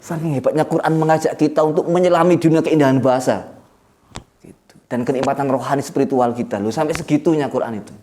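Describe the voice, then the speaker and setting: Middle-aged East Javanese man, animated preacher teaching students, slightly high-pitched, joking and lively. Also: fast talker, a little hiss or hum. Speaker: pesantren head teacher. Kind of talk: religious lecture to students.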